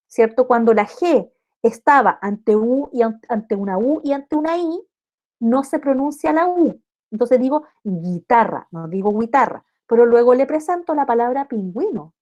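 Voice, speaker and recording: A university lecturer teaching early literacy addresses her class in a patient, explanatory way, frequently using tag questions to check in with listeners. Her voice is high, with a warm and mellow quality.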